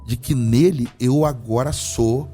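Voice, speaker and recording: A man's voice: medium pitch, unhurried, dark tone, faint music behind. A man from Brazil, an apostle guest, talking about faith in a fervent, preaching way and firing off rhetorical questions. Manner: fervent, emphatic, often asks rhetorical questions. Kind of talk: religious conversation with preaching.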